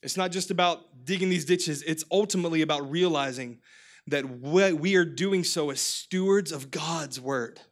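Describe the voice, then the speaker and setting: A man in his thirties preaching a lively, humorous sermon, calling on the congregation to repeat after him, his voice starting to go hoarse. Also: on the high side, normal speed. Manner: energetic, humorous preaching with crowd call-and-response. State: voice getting hoarse. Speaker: pastor.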